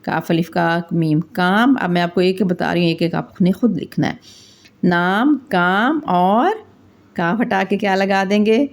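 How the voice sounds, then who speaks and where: A woman teaching young children, patiently asking questions and answering them step by step. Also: lowish voice. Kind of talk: classroom lesson for young children.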